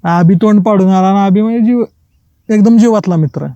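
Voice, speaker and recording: Lively storyteller man, high dark voice. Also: fairly quick, no room sound, dull audio. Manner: lively anecdotal storytelling, acts out quoted dialogue, laughs often. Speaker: writer, podcast guest. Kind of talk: casual storytelling interview.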